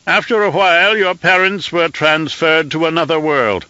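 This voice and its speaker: An audiobook narrator voicing an ancient, gaunt emperor with a reedy, scratchy voice and an imperious, cackling manner. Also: male voice, on the high side, moderate pace, pushed and bright, no room sound, muffled recording, pitched above the performer's own voice. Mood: probing. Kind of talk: audiobook character voice.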